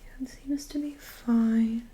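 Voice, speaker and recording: A woman doing a soft, breathy whispered role-play of a medical exam, with a gentle, calm, reassuring nurse-like manner. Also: a little high, slow pace. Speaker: ASMR performer playing a medical examiner.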